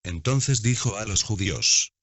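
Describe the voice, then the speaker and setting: A low-pitched man reads scripture in a measured, unhurried narration. The recording is dry, with no room sound, and the sound is dull and lo-fi. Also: expressive, no room sound. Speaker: Bible reader.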